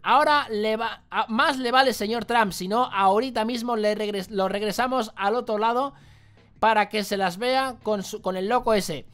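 A man's voice: high voice, normal speed, fairly bright tone. A man from reading out the lines of friendly Mexican men in a game, in a plain, lightly acted way. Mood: suspicious. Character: friendly adult Mexican men helping someone. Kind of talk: reading game dialogue aloud.

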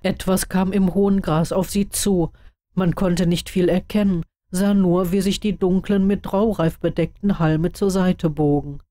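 Calm woman reading a story. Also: lowish voice, unhurried, no room sound, clean studio sound. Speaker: narrator. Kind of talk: audiobook reading of fan fiction.

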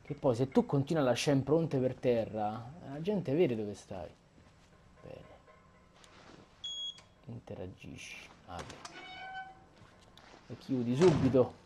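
Jumpy, swearing gamer. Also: male voice, medium pitch, animated, takes it slowly, long pauses. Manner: jumpy, swears, talks to game characters. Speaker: gaming YouTuber. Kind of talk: horror game commentary. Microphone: headset earphones. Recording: audible background noise.

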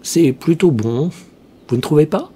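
A cunning, cheerful heretic priest, played by a man reading an audiobook speaks in slow, smooth, almost psalm-like phrases. The voice sits a little higher than the reader's own and stays mellow and warm. A faint hiss lies under the recording. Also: animated. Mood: sly. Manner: slow, smooth, chanting delivery.

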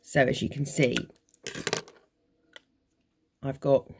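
A woman's voice: very deep voice, little pitch movement, slow pace, vocal fry, noisy background. A woman, a makeup artist, giving a casual makeup tutorial at home in a chatty, informal way while demonstrating as she goes. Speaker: makeup artist and beauty coach.

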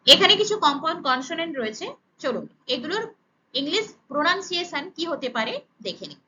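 A woman teaches pronunciation in a high, bright voice. She spells out sounds one at a time, slow and emphatic. The recording is slightly muffled and lo-fi. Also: sing-song, a little hiss or hum. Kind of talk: slow, deliberate pronunciation lesson.

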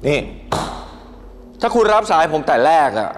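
An actor playing a scheming ousted executive who speaks persuasively and drops to a secretive hush. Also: male voice, fairly high pitch, very animated, a little slow, faint music behind.

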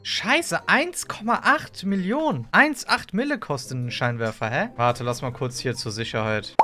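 A man giving excited commentary while playing a police officer in a role-play game, often bursting out in loud surprise. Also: mid-range voice, normal speed. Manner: exclamatory, swings into loud surprised outbursts.

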